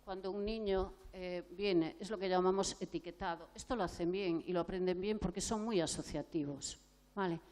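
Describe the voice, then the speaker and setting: A woman clinical psychologist gives a conference lecture in a fairly low, darkish voice at a moderate pace. She explains her points and poses rhetorical questions to the audience.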